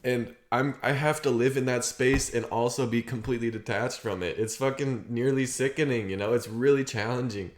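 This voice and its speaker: A man talking through his feelings in a rambling, halting, reflective monologue, clearing his throat often and swearing casually. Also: mid-range voice, steady tone, reverberant. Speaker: vlogger. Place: outdoors on a property.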